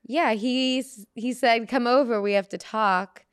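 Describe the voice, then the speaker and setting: A woman's voice: on the high side, a little slow, clean tone, no room sound, clean studio sound. A woman hosting a podcast who tells stories chattily and laughs through them. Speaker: podcast host. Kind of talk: casual podcast storytelling.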